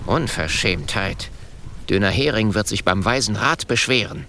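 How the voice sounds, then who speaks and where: A man's voice: on the high side, wildly swooping pitch, moderate pace, pushed and bright, slight background noise, voice pushed up, exaggerated voice. A man voicing a grumpy, indignant tribesman who grumbles.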